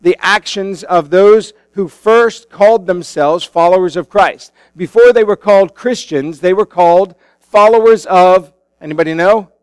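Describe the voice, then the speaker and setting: A man's voice: high-pitched, a little slow, clean tone, dry recording, rough recording. A male pastor preaching a sermon into a pulpit microphone in a church, in a casual, conversational way with many fillers and restarts. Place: church sanctuary.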